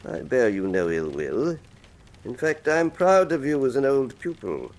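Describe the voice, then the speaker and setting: An actor playing Professor Moriarty, an older English criminal mastermind, in a radio drama, with courtly, condescending, faintly menacing formality. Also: male voice, mid-range voice, very animated, unhurried, darkish tone, rough recording. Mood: mock affable. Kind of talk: full-cast radio drama acting.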